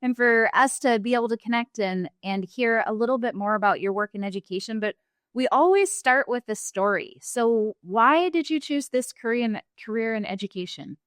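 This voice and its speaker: A woman's voice: fairly high pitch, expressive, normal speed, dry recording, studio quality. A woman hosting an interview podcast in an upbeat way, reading out her guest's introduction before starting the conversation. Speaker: podcast host.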